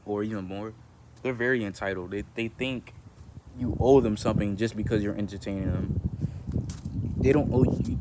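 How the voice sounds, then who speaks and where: Outdoors, a young man who vlogs and plays music as an amateur rambles casually, with slang and a nonchalant, laid-back delivery. His voice is on the low side and at times monotone, and slight background noise can be heard.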